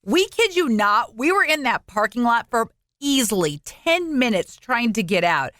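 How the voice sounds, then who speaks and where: A woman's voice: fairly high pitch, normal speed, no echo. A woman co-hosting a podcast, telling a travel story in casual chat and acting out the quotes. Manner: animated storyteller, acts out quotes. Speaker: podcast co-host.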